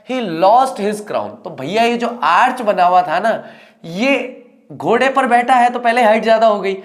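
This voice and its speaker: A man teaching a lesson, reading English lines slowly and explaining them in casual Hindi with playful acted asides. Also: high voice.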